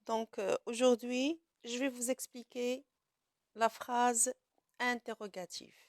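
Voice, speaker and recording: A woman gives a classroom grammar lesson at a very slow, deliberate pace, in a fairly high voice. She asks her pupils questions and then answers them herself. The sound is dry and close, with no room echo. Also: flat delivery. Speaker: teacher.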